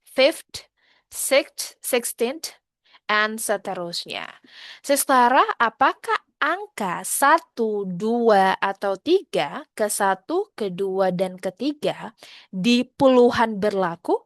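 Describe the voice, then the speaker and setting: Slow-spoken Indonesian woman teaching English. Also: mid-range voice, expressive, no echo. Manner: patient, slow drills, asks students to answer in chat. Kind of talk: online class teaching, mixing Indonesian and English.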